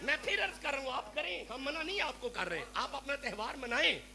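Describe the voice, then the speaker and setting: Fervent Punjabi-accented preacher, high gravelly voice. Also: male voice, lively intonation. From Pakistan. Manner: fervent, pleading, addresses listeners directly. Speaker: Sufi preacher. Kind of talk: devotional sermon to a gathering. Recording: noisy live recording with hum.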